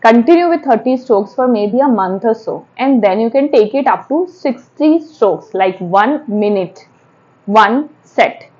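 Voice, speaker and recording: A woman's voice: on the high side, lively intonation, measured pace, darkish tone, dull audio. A woman with an Indian accent giving spoken yoga instruction step by step, repeating and rephrasing key points as she goes.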